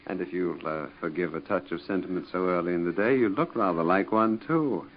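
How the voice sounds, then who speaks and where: Actor as very deep-voiced courtly English lord. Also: male voice, fairly quick, lightly acted. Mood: teasing, affectionate. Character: devoted, titled English lord and husband, determined and wry. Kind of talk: 1940s radio soap acting. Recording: dull, band-limited vintage radio recording.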